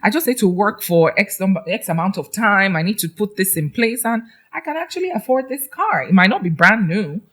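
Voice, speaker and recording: Woman, Yoruba Nigerian accent, young adult, bright forceful tone, animated storytelling, casual podcast chat. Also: medium pitch, brisk, few pauses. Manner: animated storyteller, laughs often.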